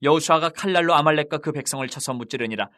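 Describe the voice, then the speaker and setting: A man reading scripture aloud in a steady, recited delivery. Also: on the high side, fast.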